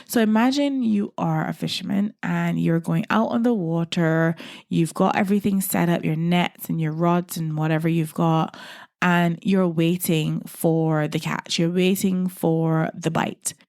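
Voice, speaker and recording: Woman, solo podcast host, lowish voice, dry close sound. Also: steady tone, a little slow, darkish tone, no echo. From Barbados. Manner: reflective, repeats phrases, drops to a whisper for emphasis.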